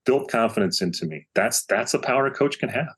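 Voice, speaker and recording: A man's voice: mid-range voice, a little fast, slightly rough. A middle-aged man, a baseball coach, telling a story as a podcast guest, acting out the quotes as he goes. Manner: animated storyteller, acts out quotes. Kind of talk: storytelling in casual interview.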